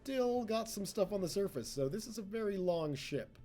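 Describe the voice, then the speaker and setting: This young man's voice sits high and mellow, moving at normal speed with lively intonation. A native English speaker hosting a let's play, he rambles, jokes at his own expense, and speaks to the game.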